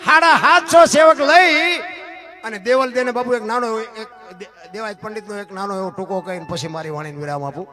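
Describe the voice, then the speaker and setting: A man performs dayro storytelling on stage, his voice pitched very high. He chats with the crowd in a folksy way, then drives through alliterative verse lists in a steady rhythm. Folk instruments play clearly underneath him. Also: fast talker. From Gujarat, India. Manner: folksy, chatty asides to the audience. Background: folk instrumental music.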